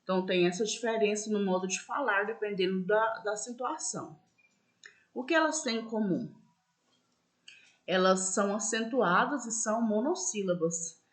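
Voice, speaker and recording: A woman teacher gives a school lesson in a patient, repetitive way, often checking in with "né?" and slowing down to stress example words. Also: mid-range voice, expressive. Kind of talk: school lesson explaining accents.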